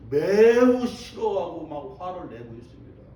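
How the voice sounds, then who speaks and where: A man's voice: sits high, very animated, a little slow, warm tone, dull audio. A male pastor preaching a sermon. He keeps calling out to the congregation and repeats his phrases for emphasis. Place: church sanctuary. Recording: echoey church from a distant mic.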